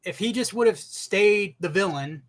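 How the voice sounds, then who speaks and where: A man giving a casual, profane rant as an anime commentator, animated and bursting into shouts. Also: high-pitched, normal speed.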